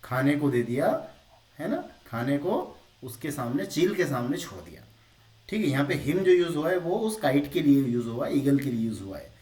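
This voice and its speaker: A man teaching English grammar in a classroom style, explaining slowly, repeating phrases and keeping up a stream of rhetorical questions. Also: mid-range voice, expressive, a little mellow, reverberant, distant mic.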